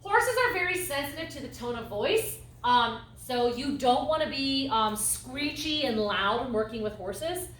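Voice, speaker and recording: A woman instructor giving a calm, explanatory lecture on horses, acting out voice tones as she goes. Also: sits high, a little slow, few pauses. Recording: echoey room, mic at a distance.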